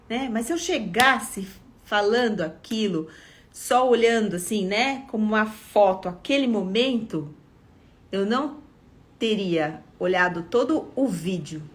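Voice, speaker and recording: A woman's voice: medium pitch, a bit bright. A middle-aged Brazilian woman, a parenting educator, talks to parents on a live stream in a conversational way, often checking in with her listeners. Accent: Brazilian Portuguese. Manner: conversational, frequent "né?" and "tá?" check-ins.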